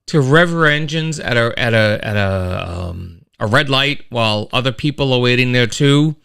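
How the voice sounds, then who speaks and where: Animated, bright-voiced man. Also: medium pitch, moderate pace, vocal fry, clean tone. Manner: animated storyteller, rambling with restarts and sound effects. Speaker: host of a weekly live-stream show. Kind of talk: casual monologue to a live chat.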